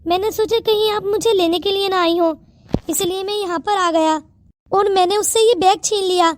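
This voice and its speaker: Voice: very high voice, fairly even intonation, normal speed, slight background noise. A voice artist playing an earnest, respectful young man who guards a rich girl in a cartoon. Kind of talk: cartoon story voice acting.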